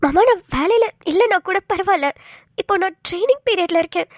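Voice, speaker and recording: A woman's voice: extremely high pitch, animated, brisk, dry recording, studio quality. A woman voicing a worried, tearful young wife pleading with her husband in a cartoon. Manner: pleading, fretful.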